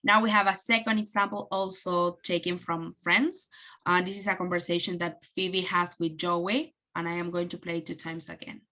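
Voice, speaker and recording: Young female student presenter, bright voice, measured and explanatory. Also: on the low side, flat delivery. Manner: explanatory, measured, some fillers. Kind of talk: class presentation.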